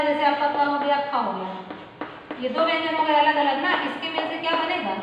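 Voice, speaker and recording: A woman teaching a grammar lesson to children, asking questions and answering them herself. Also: high voice. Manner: calls the pupils "child" and repeats key terms. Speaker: school teacher. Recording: very echoey room, faint background noise.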